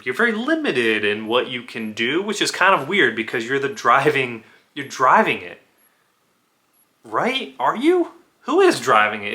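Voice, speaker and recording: Male channel host, mid pitch, very bright tone, rambling and analogy-driven casual talk. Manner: rambling, full of "like" and restarts, builds analogies. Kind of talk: casual video commentary.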